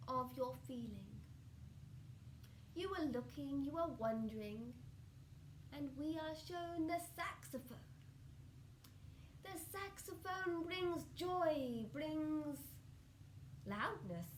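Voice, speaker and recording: A loving, solemn spirit speaks through a woman in the manner of a seance medium in trance. The voice is very high and slow, stretching words and letting phrase endings fall to a hush. It sounds in a reverberant room, giving oracular guidance. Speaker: trance channeller answering audience questions. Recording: roomy echo with faint background noise.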